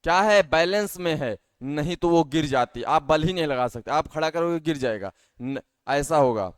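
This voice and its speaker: A man's voice: fairly high pitch, expressive, moderate pace, smooth, dry recording. A male teacher giving a science lesson to schoolchildren, patiently asking questions and answering them himself, often calling them dear children.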